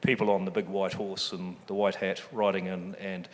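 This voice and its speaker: Speaking in a deep voice with little pitch movement and at a moderate pace, this New Zealand man is a fund chief executive on a forum panel, full of self-deprecating jokes and ums. The audio carries a bit of hiss or hum, along with the long reverb of a large event hall.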